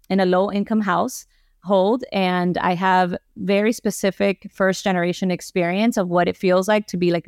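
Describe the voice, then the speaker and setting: Woman in her 30s from miami, gravelly voice, explains stuff patiently, says like a lot. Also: lowish voice, no echo, clean studio sound. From Miami, United States. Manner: thoughtful, explanatory, peppered with "like". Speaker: guest psychologist. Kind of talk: podcast interview.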